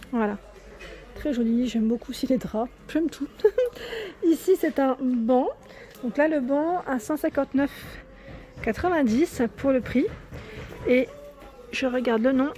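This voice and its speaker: Chatty high-voiced woman touring a store. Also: a little mellow. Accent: southern French. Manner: chatty, enthusiastic, many fillers and "hein". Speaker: home decor vlogger. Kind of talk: casual store walkthrough vlog. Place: furniture store showroom, indoors.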